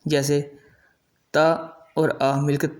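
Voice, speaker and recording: A middle-aged man teaches grammar at an unhurried pace, holding each example sound out. His voice sits a little high for a man and stays level, with little rise and fall. He explains patiently, step by step. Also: monotone, darkish tone. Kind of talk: classroom-style grammar lesson.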